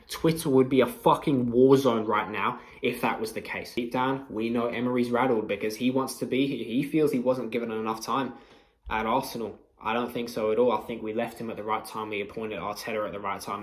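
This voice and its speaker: A man's voice: mid-range voice, echoey room. A young man giving a passionate, mocking post-match reaction as a fan channel host. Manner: passionate, swearing, mocking rivals.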